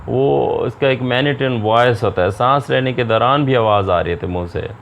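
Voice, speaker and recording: A man giving a recorded lecture, reading out English lines slowly, then explaining them quickly in his own words. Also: medium pitch, vocal fry, slight background noise.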